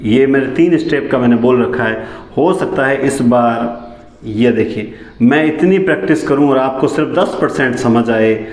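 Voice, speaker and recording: A man teaching a lesson, who repeats key phrases back as questions and sometimes talks fast enough that his words tangle. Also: mid-range voice, darkish tone, echoey room. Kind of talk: classroom lecture on teaching methods.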